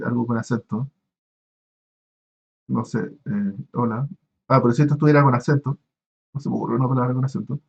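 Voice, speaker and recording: Over dull audio, a man with a somewhat high, slightly mellow voice teaches a university course online. He moves through the material step by step, asks students questions, and speaks haltingly with frequent fillers and restarts.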